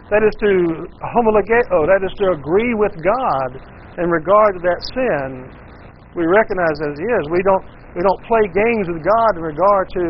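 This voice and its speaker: A man's voice: high voice, muffled recording, slight background noise. A man with a Southern accent preaching a sermon, explaining words with a folksy, joking teacher's manner. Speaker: pastor.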